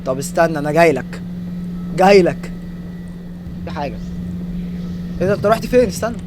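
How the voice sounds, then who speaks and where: Fast, jokey Egyptian man gaming. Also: fairly high pitch, expressive, background noise. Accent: Egyptian Arabic. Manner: joking, talks back at the game. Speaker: let's play gamer. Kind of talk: horror game commentary.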